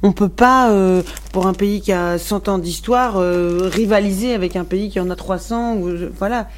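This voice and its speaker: A woman's voice: medium pitch, moderate pace, a little hiss or hum. Outspoken woman musician. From Morocco. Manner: outspoken, frank, many restarts and fillers. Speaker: musician guest. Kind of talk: radio interview.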